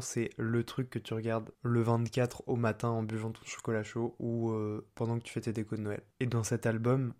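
Young male podcast host, playful and chatty, casual slang, average pitch. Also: a little mellow. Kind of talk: casual solo podcast chat. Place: apartment.

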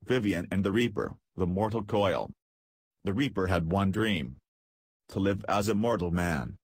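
A man's voice: low voice, lively intonation, unhurried, darkish tone, slightly rough, no room sound. A man narrating a scripted dramatic story in verse.

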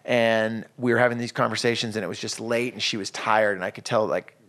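A man's voice: on the low side, fairly quick. A middle-aged man chatting casually as a podcast co-host, telling stories and acting out the quoted lines. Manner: animated storyteller, acts out quoted lines. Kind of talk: casual conversation.

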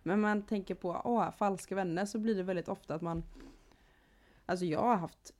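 A woman's voice: medium pitch, darkish tone. A woman from Gothenburg co-hosting a podcast, chatting in a playful, teasing way. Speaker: podcast co-host. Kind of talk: casual chat.

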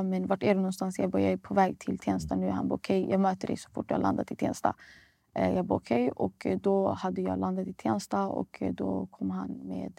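Young woman, gravelly voice, retells events with quoted dialogue. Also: medium pitch, dark tone, no echo, studio quality. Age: young adult. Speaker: guest poet. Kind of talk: emotional personal storytelling.

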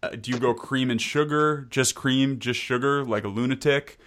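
A man's voice: medium pitch, normal speed, a bit bright, a little hiss or hum. A man hosting an interview, asking playful, wordy questions. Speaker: podcast host.

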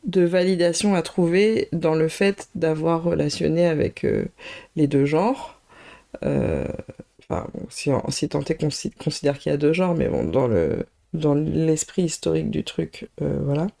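A woman's voice: fairly low pitch, vocal fry, warm tone. A woman hosting a podcast, telling a personal story in a reflective, hesitant way with frequent filler sounds. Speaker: podcast host.

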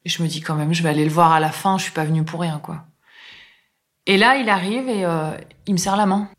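A woman's voice: lowish voice, brisk. A middle-aged woman telling a personal anecdote in a casual, chatty way, full of fillers and acted-out bits of dialogue. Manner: chatty, many fillers, acts out quoted dialogue. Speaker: storyteller recounting a personal anecdote.

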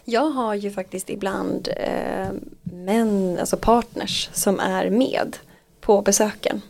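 Gravelly-voiced woman, casual podcast chat. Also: mid-range voice. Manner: animated, acts out quoted dialogue. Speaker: podcast co-host, women's health clinician.

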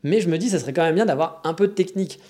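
A man's voice: fairly high pitch, very fast, mellow. A man from France with a French accent, talking in a rambling, frank, slangy casual monologue. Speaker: vlogger living in Japan.

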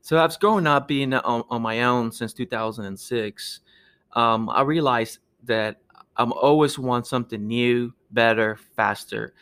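Earnest Peruvian-born man, halting speech. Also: medium pitch, fairly bright tone, smooth. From Peru. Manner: earnest, halting with many restarts. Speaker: guest, architect. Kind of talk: podcast interview.

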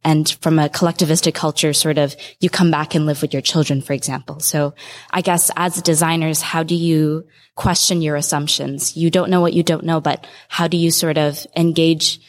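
A woman's voice: sits low, flat delivery, normal speed. A young woman from Singapore asking the panel a thoughtful question, hedging often. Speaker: audience member asking a question. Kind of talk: audience question at a live panel. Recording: long hall reverb.

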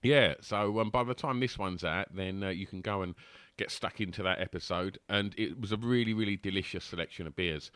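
Deep-voiced, rambling man. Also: fairly quick, fairly bright tone, clean tone, dry recording. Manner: rambling, hesitant, jokey. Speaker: podcast co-host. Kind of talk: casual podcast chat.

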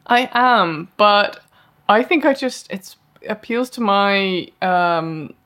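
A woman's voice: medium pitch, slow pace, a bit bright. A woman co-hosting a podcast in casual chat, rambling with self-mocking asides. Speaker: podcast co-host. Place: live event venue.

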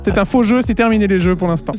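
A man's voice: sits high, quick pace, darkish tone, soft background music. A man hosting a casual film podcast, teasing his co-hosts playfully and leaning on lots of fillers. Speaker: podcast host.

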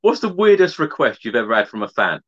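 A podcast host, a man with an ordinary mid-pitched voice, asks short, cheerful questions. His sound comes through a bit dull and muffled, like a lo-fi recording. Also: very animated, fast talker. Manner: brief, upbeat questions and reactions. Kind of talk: interview questions.

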